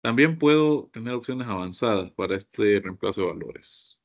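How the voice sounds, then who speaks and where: A man's voice: fairly low pitch, lively intonation, normal speed, muffled recording. A man teaching a computer course, walking his class through each step and often asking them to look. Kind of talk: screen-share software lesson.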